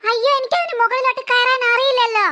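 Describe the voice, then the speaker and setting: A woman voicing a small timid cartoon girl who cries and whines in a very high, childlike voice. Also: fast, bright, forceful tone. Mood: worried. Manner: whiny, wailing. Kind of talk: cartoon voice acting.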